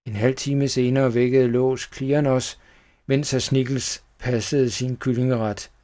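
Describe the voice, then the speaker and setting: Man reading a scary storybook. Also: medium pitch. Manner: steady first-person storybook narration. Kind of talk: reading a children's horror story aloud.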